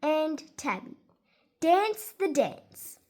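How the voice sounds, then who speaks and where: A woman reads a children's storybook aloud for young listeners, expressive and deliberate in her delivery. Her voice sits high.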